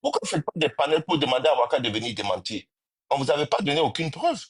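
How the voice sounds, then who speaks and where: Husky man ranting on a live stream, accusatory, rhetorical questions, dry close sound. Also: fairly high pitch, expressive, very fast, dry recording. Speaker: panel participant in a live stream.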